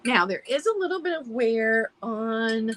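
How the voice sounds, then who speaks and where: An American woman runs a live online vintage sale, chatting casually, greeting viewers by name and describing items while her allergies leave her a bit hoarse and clearing her throat now and then. Her fairly high voice is animated, slightly slow and a bit bright. A faint hiss or hum is audible.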